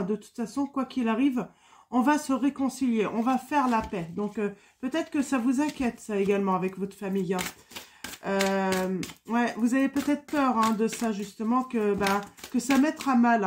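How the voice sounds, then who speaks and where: This French tarot reader has a fairly high, somewhat mellow voice and is speaking through a cold. Her casual reading is full of fillers and repetitions.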